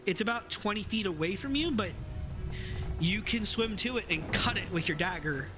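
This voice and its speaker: Dm guy, kinda high voice, narrating calm over background music. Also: normal speed, low-quality recording. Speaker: game master. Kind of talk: narrating a tabletop game.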